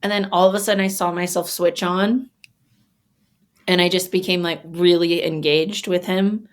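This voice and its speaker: A woman with a somewhat low voice talks in a relaxed podcast conversation. She reflects out loud, pausing and reaching for her words with plenty of fillers, and her feeling shows close to the surface. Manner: gets emotional while talking. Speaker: podcast guest.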